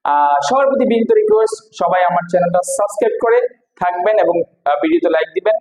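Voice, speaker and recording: A man's voice: sits high, huge pitch swings, darkish tone. Echoey Bangladeshi man teaching pronunciation. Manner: repeats each word slowly, quizzing the viewer. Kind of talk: spoken classroom lesson.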